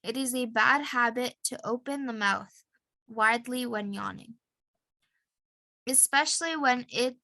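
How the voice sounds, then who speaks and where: Woman teacher, online class, patient, call-and-repeat lessons, bright tone. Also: on the high side, unhurried, creaky, pauses often, dry recording, rough recording. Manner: patient, has students repeat after her. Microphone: video call.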